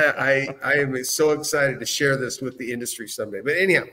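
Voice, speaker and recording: Earnest and pushed, with a bright, medium-pitched voice at normal speed, a business owner talks casually as a guest co-host, frequently saying things again and rephrasing them.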